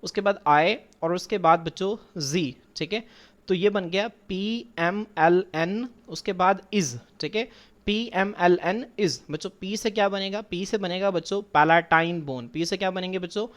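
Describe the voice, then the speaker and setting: A man's voice: high voice, moderate pace, a bit bright. A man teaching biology over slides, patiently repeating points, asking and answering his own questions, and mixing in English terms. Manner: patient, repeats points, addresses students as children; mixes English science terms into speech. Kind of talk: classroom lecture over slides.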